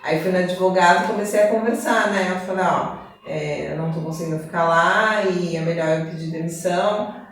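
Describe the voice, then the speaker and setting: A woman giving a personal testimony as a guest, telling her story in an animated way and acting out the conversations. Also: fairly low pitch, brisk, a little hiss or hum. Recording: echoey room, far from mic.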